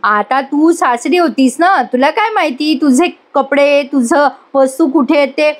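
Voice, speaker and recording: A cheeky, spoiled youngest sister who talks back and sulks, as a woman reads her lines aloud. The voice is high and pert. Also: measured pace.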